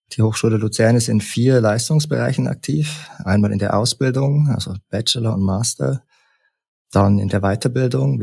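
A man from Leipzig, a researcher and lecturer, calmly explaining study results point by point as a podcast guest. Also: lowish voice, vocal fry, breathy edge. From Leipzig, Germany. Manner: measured, structured, lists points in order. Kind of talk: explanatory interview talk.

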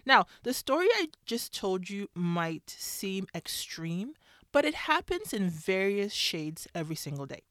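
A woman's voice: medium pitch, sing-song, measured pace, a bit bright, dry recording, studio quality. A woman telling a personal story about her marriage in a conversational way, sometimes acting out what others said. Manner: conversational, acts out quoted voices. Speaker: speaker sharing a faith-based marriage story.

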